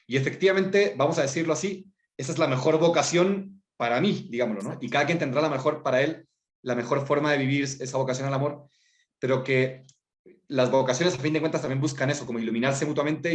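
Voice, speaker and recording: A man, a guest on a podcast, explaining things in a thoughtful way with frequent filler tags and self-corrections. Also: fairly high pitch. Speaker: guest speaker on vocations. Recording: roomy echo.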